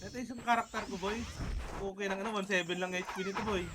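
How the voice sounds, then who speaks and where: High-voiced man barking game countdowns. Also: steady tone, background noise. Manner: rapid barked countdowns and commands, cursing. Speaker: gamer leading a team. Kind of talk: live team callouts while gaming.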